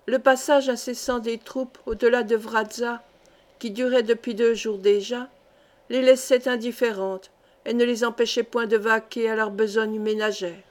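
A woman narrating a literary short story as an audiobook reader, in a measured way. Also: on the high side, fairly even intonation.

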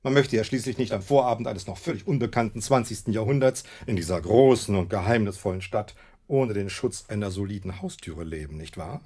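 An actor in a German radio drama playing Sherlock Holmes as a brilliant, self-assured detective, pompous, precise and dramatically emphatic. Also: male voice, on the low side, brisk, warm tone, breathy edge. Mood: grave, theatrical.

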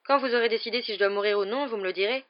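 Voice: mid-range voice, very fast, dull audio, voice pushed up, natural voice. A reader doing a defiant, bitter schoolboy.

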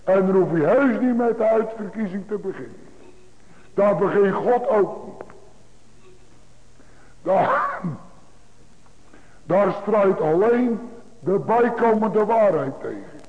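A man's voice: high voice, lively intonation, a little slow. A male pastor preaching a sermon to his congregation, with emphatic, repetitive phrasing. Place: church. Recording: tinny phone-like broadcast in a large reverberant church.

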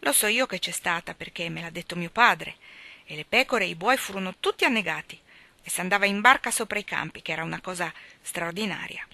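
A woman's voice: fairly low pitch, expressive, fairly quick, creaky, dry recording, heavily acted. A woman voicing an earnest young boy, the proud son of the master, who talks eagerly and often exclaims. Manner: eager, exclaiming, grows louder.

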